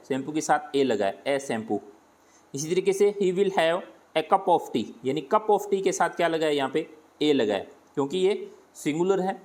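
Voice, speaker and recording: Teacher voice: man with a Hindi accent, slightly high-pitched, patient step-by-step grammar explanation. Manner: explains step by step, asks and answers his own questions. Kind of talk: grammar lesson.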